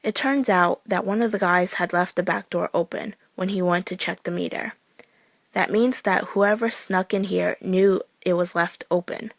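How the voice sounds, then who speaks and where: A woman reading out a true scary story in a measured, suspenseful way. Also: fairly low pitch, steady tone, gravelly, no room sound. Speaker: horror story narrator.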